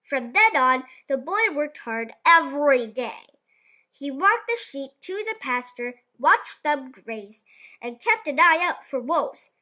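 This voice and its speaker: Reading a children's book aloud at a slow pace, a female storyteller uses a bright, high voice with lively, broad swings in intonation that make her narration highly expressive. The recording quality is rough.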